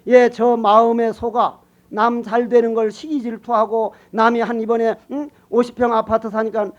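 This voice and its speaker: High-voiced older monk preaching, lo-fi. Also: male voice, flat delivery, normal speed. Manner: colloquial, teasing and emphatic, swings between loud calls and quiet asides. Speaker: Buddhist monk giving a dharma talk. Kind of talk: sermon. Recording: dull lo-fi sermon recording.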